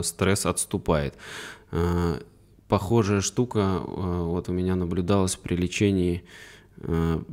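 Guy with a lowish voice, podcast chat, lots of ums while he explains stuff. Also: a little mellow. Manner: hesitant, many fillers, explanatory. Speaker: psychotherapist podcast co-host. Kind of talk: casual conversation.

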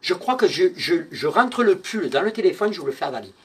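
Guy selling clothes on a live stream, bright sharp voice, teases and insults his viewers for fun, mutters then yells. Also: sits high, sing-song, fairly quick, breathy edge. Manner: teasing, mock-insulting viewers by name; theatrical, swings between muttering and shouting.

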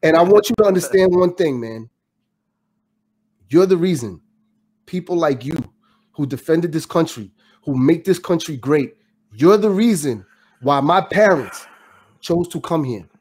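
A host from the Dominican Republic speaks a little higher than most men. He is emphatic and repeats his phrases to drive a point home. He is recorded on a studio mic in a home studio. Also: animated, unhurried, long pauses, a little mellow, slightly rough. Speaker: podcast host. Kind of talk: hosting a casual interview. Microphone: studio mic with headphones.

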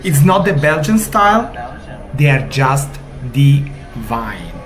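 With music behind him, a man in his forties chats his way through a food tour, full of enthusiasm and eager to talk. He speaks slowly, his slightly high voice swinging widely in pitch.

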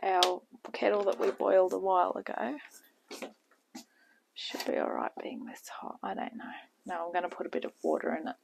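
A middle-aged woman who hosts a home cooking channel chats casually through a cooking tutorial in her kitchen, often trailing off into muttering. She whispers in a low, gravelly voice with a steady tone at a moderate pace. A counter camera picks her up amid the noisy kitchen.

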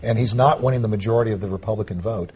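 Man, political strategist, deep raspy voice, quick, muffled broadcast audio. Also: darkish tone. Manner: measured, agreeable counterpoint with repeated "I think". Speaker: Democratic strategist, panelist. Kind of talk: political panel discussion.

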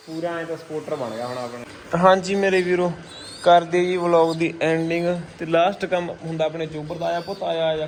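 A man with a Punjabi accent chatting casually as a pigeon-keeping vlogger, often coaxing his birds with repeated calls and endearments. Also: a little high. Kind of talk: casual vlog chat. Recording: noisy handheld recording with ambient sounds.

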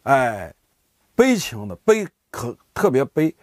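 Taking it slowly in a medium-pitched voice, a vlogger explains local vocabulary to his viewers, animatedly voicing ordinary speakers in everyday examples. The sound is studio quality with no room sound.

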